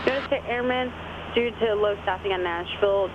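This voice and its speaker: A voice reading a recorded airport weather broadcast in a flat, steady recitation of numbers, heard over an aircraft radio. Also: medium pitch, fairly quick, a crowd in the background. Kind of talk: recorded weather and runway information readout. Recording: narrow radio band with clear cockpit noise.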